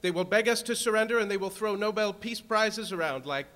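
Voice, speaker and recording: An American man giving a roaring, rallying political-religious speech, emphatic and rhetorical, with deliberate repetition. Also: high voice, lively intonation, fairly bright tone. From Virginia, United States. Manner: roaring, rallying delivery at its peaks. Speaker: speaker at a prayer breakfast. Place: large hall, speech to a gathering. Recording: reverberant hall PA sound.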